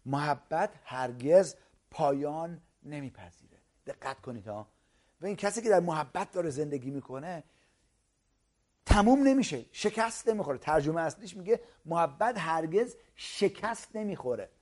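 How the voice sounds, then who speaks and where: Man, pastor, sermon, high voice, loud emphatic preaching, slow drawn-out stressed words. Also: lively intonation. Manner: loud, emphatic preaching with rising calls of hallelujah; stretches key words slowly for emphasis.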